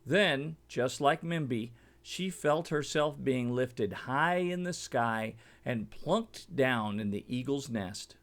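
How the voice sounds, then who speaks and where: This man reads a children's story out loud, expressive and deliberate, as a storybook reader. His pitch is medium.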